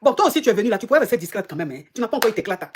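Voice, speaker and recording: A woman hosting a live stream, calmly moderating a dispute and urging the guest to stay discreet. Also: mid-range voice, rapid-fire, noisy background. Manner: calm, backchannels a lot, urges discretion.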